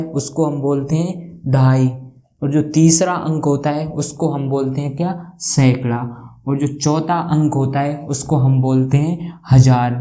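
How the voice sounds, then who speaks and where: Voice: mid-range voice, warm tone. A maths teacher explaining a lesson, who keeps asking questions and answering them, and spells out place values one by one.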